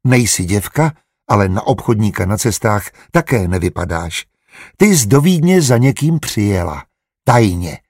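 A man voicing a smooth-talking, amused male spy disguised as a cleric in an audiobook, with a low, husky voice. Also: big pitch swings, darkish tone, no echo, studio quality.

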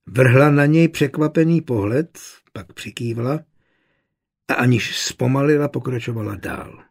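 A man narrating a novel as an audiobook, reading in a measured, steady way with a gravelly, husky voice. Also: mid-range voice.

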